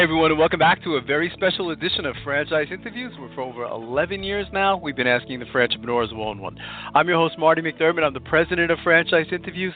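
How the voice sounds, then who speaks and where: A chatty man hosts an interview, his voice a bit higher than usual for a man. He talks in loose, rambling sentences full of fillers and restarts. The sound is thin and tinny, like a phone line. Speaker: podcast host.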